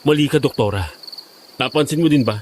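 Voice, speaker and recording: A man's voice: mid-range voice, brisk, darkish tone, a little hiss or hum, close to an everyday voice. An actor playing a blunt, protective young village man who scolds in an audio drama. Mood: scolding.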